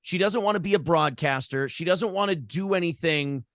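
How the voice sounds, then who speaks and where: With a fairly high pitch, moderate pace and fairly bright tone, this American interview guest talks casually, bluntly and with swearing, his delivery showing years of radio practice. He's a morning show host who used to work in radio, recorded at studio quality with no echo.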